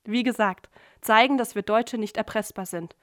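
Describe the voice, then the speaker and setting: A woman reading aloud, voicing a pushy, fanatical young man who gives orders forcefully. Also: on the high side, moderate pace, no room sound, studio quality, close to an everyday voice.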